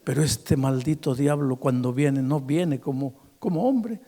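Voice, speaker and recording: A man voicing a drunk, ashamed man who pleads quietly through tears in a halting, broken way. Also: mid-range voice. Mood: pleading. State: crying. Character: sobbing drunk middle-aged man, ashamed and desperate.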